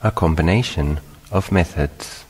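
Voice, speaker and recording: A male meditation teacher with an extremely low, husky voice guides listeners calmly, leaving long pauses. His words ring through a heavily reverberant hall.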